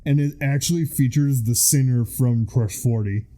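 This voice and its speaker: A podcast co-host in his thirties chats casually, rambling through stories packed with fillers. His voice is medium-pitched and dark in tone, at a normal speed.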